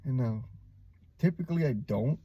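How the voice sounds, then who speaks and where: A man recounting a painful personal memory in a somber, halting way, with many pauses and fillers. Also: mid-range voice, lively intonation, mellow, a little hiss or hum. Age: adult, a father. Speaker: vlogger. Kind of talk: personal recollection to camera.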